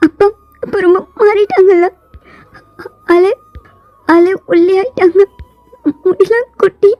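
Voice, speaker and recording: Sobbing young girl voiced by a woman, stammering, pleading, audio story, high and dark-toned. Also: fairly even intonation, measured pace, no echo, faint music behind. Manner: stammering through sobs. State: crying. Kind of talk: fan fiction voiceover.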